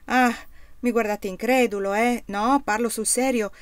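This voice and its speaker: A woman's voice: fairly high pitch, steady tone, measured pace, no echo, close to an everyday voice. A woman voicing an earnest young male farmhand in an audiobook reading, heartfelt and musing. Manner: musing, heartfelt inner monologue.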